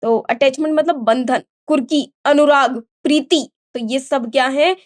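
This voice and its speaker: A woman with an Indian accent and a high voice teaches a vocabulary lesson. She explains each word step by step, asks the class questions and answers them herself. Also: measured pace.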